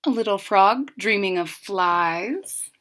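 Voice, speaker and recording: Reading a children's storybook aloud, this woman uses dramatic emphasis, stretches out key words and slips in explanatory asides. Her voice sits at a medium pitch, expressive and a bit bright.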